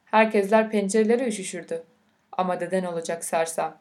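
A woman's voice: medium pitch, fairly even intonation, brisk, a little mellow, lightly acted. A woman voicing a bitter, vain old grandmother in an audiobook reading, with a scolding, scornful delivery. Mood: boastful.

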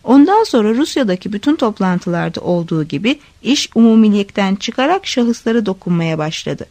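A woman reading a story aloud, expressive storytelling. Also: mid-range voice, fairly quick, no room sound. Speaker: narrator.

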